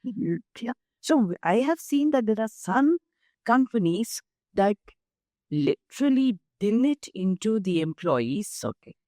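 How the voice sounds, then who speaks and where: An older woman with an Indian accent, speaking as a guest in an interview, measured and emphatic as she explains through lists of examples. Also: medium pitch, dark tone, no room sound, clean studio sound. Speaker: guest, nonprofit founder. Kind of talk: interview conversation.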